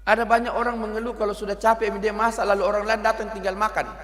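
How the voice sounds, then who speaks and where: There's a long church reverb around this middle-aged man, a pastor who talks fast and preaches in a high voice. His tone is lively and teasing, and he blends local words into what he says.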